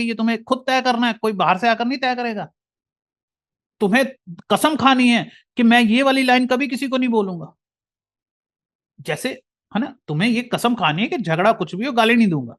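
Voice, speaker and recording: A man's voice: sits high, fairly bright tone. A man with an Indian accent giving an earnest lecture, often calling the listener brother. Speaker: motivational speaker.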